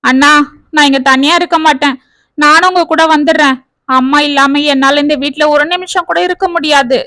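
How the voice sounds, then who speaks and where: Lady reading as a crying young sister, high teary voice, dry sound. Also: fairly even intonation, moderate pace, bright, forceful tone, no room sound. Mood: sobbing. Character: grieving young village girl, sobbing sister.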